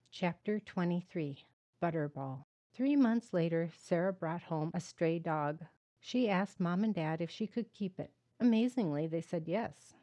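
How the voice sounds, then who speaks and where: Woman author narrating her own memoir, measured and earnest; low, mellow tone. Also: lo-fi sound. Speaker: author and host. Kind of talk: reading her own book aloud.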